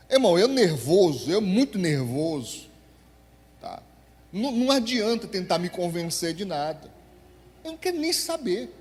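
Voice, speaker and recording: A pastor with a notably high voice delivers a sermon, stretching his key words and pressing the congregation for replies. His voice rings out in the long reverb of a church hall. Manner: emphatic preaching, drawing out key words, calling on the congregation to answer.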